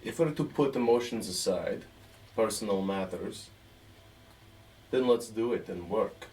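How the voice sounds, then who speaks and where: A man playing his character in a tabletop game, speaking in a stern, measured, formal way. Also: on the low side, a little mellow, distant mic. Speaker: player voicing his character. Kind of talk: in-character tabletop role-play.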